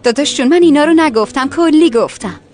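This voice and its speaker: A woman voicing a sharp-tongued, hurt young heroine in a dubbed TV drama, speaking with sarcasm. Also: high-pitched, animated, soft background music. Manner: sarcastic, biting.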